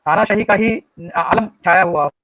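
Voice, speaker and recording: A man speaking as a panel guest over a video call, halting with many filler sounds, his audio choppy and cutting out. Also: sits high, no echo. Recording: dull lo-fi video call line.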